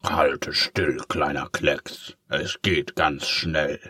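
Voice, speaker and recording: A man voicing a sly, sinister ink-eraser pen in a dark, scratchy, slow whisper for a storybook. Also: extremely low pitch, slightly rough, no echo, studio quality, exaggerated voice. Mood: menacing. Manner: slow, creeping, hissing.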